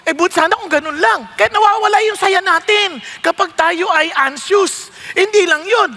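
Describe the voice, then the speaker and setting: Bright-voiced Filipino pastor in a reverberant hall. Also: male voice, very high voice, moderate pace. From Philippines. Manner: animated, acts out quoted people with shouts and laughs. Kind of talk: sermon with storytelling.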